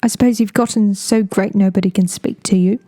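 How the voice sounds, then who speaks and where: A woman's voice: medium pitch, steady tone, a little fast, warm tone, lightly acted. A woman voicing a complaining, needling young man in an audiobook, with an English accent. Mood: plaintive. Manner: plaintive, complaining.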